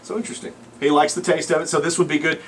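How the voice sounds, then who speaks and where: A man hosting a live radio show, giving energetic play-by-play commentary in a crowded studio. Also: fairly high pitch, quick pace, a little hiss or hum. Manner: energetic, excitable narration.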